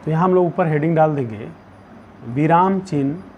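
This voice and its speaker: A man teaching a Hindi grammar lesson. He dictates notes slowly, repeats each phrase and puts questions to the pupils. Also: on the high side, darkish tone. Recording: dull lo-fi sound with faint background noise.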